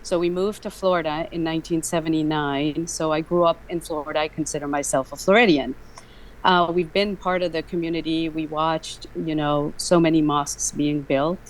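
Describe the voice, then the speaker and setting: A woman's voice: low voice, fairly even intonation, moderate pace, low-quality recording. A woman in her fifties, from Guyana, chatting as a guest on an interview show with frequent ums. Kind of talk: casual interview talk.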